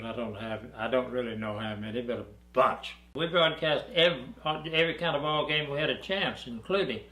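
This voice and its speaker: An elderly man from Arkansas tells stories from his life at an easy pace, dry and wry, chuckling now and then. His voice sits at a middle pitch and carries a roomy echo in the room. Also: a bit bright. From Arkansas, USA. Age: 80s. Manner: dry, unhurried storytelling with chuckles. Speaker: interviewee. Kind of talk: reminiscing interview. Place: dark studio backdrop, indoors.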